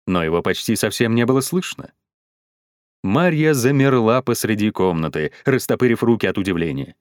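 A man reading a children's story aloud in an expressive, animated way. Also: fairly low pitch, moderate pace, no room sound, clean studio sound. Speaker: narrator.

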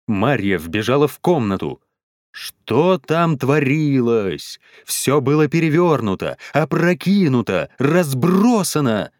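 A man reading a children's story aloud in an expressive, animated way. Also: mid-range voice, dry recording, studio quality. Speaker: narrator.

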